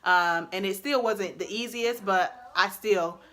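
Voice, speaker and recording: Bright-voiced young woman giving casual advice. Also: medium pitch, a little slow. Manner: chatty and expressive, laughs often, loud and bold when excited. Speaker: vlogger and army soldier.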